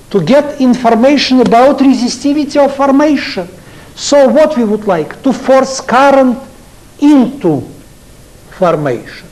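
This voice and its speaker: An older man with a Russian accent giving a university lecture, speaking in halting English and asking his students rhetorical questions. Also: sits high, a little mellow, poor audio. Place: lecture hall.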